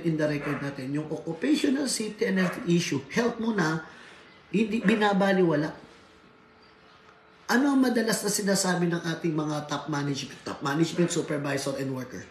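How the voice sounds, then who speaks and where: A Filipino man with a high, animated, brisk voice delivers a workplace safety seminar lecture. He mixes Tagalog and English and keeps tacking on tag questions such as "right?" The room is echoey, with faint noise in the background.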